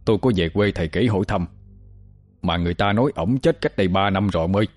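A man doing a rushed, flustered male friend. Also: low-pitched, a little mellow, soft background music.

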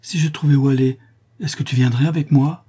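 A man voicing a timid, loving older woman who speaks in a gentle, anxious way in a read-aloud story. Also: medium pitch, fairly even intonation, a little fast, husky, pitched above the performer's own voice.

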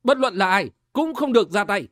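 A man voicing a vengeful young male swordsman who shouts his demands angrily and sternly in a martial-arts audiobook. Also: sits high, lively intonation, brisk, dry recording, studio quality. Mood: angry.

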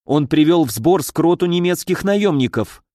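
A man's voice: fairly high pitch, lively intonation, moderate pace, mellow, no echo, studio quality, voice pushed up, natural voice. A man narrating an audiobook voices a grieving, resolute young princess who speaks firmly and accusingly. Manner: firm accusing speech.

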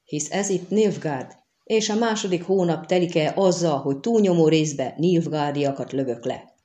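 A woman's voice: low voice, mellow, roomy sound, dull audio, close to an everyday voice. A woman voicing a blunt, sullen young woman archer who mutters tersely.

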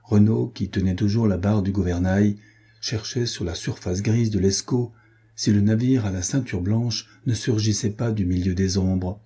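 Male audiobook narrator, very dark and husky tone, even measured reading. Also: lowish voice. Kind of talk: scripted narration.

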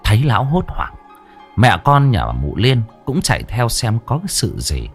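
A man narrating a ghost story in an expressive, suspenseful way. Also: mid-range voice, moderate pace, faint music behind.

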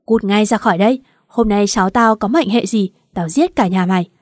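A woman's voice: mid-range voice, fairly quick, dry recording, clean studio sound, close to an everyday voice. A woman voicing a fierce old mother-in-law. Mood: commanding. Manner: sharp, commanding.

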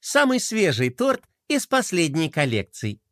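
A man putting on a soft, cooing princess for a storybook. She sounds sugary and gracious, close and dry. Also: a little high, wildly swooping pitch, unhurried, dry recording, exaggerated voice. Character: sweet cooing princess hostess. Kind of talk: children's story character voice.

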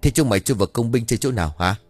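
A man voicing a gruff older village man who scolds children in a growling way. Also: medium pitch, lively intonation, very fast, dry recording, soft background music, close to an everyday voice. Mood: scolding.

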